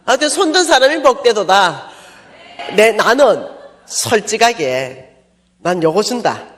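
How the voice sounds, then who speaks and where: A woman pastor telling a personal story in a sermon, animated and self-mocking. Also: mid-range voice, measured pace, slight background noise.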